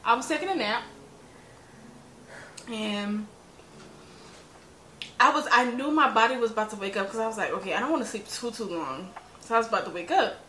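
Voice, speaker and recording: A woman's voice: fairly high pitch, lively intonation, brisk, pauses often, sharp tone, slight background noise. A woman in her mid-twenties co-hosting a casual podcast, telling a story in an easygoing, chatty way. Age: 20s. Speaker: podcast co-host. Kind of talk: casual chat. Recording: roomy echo.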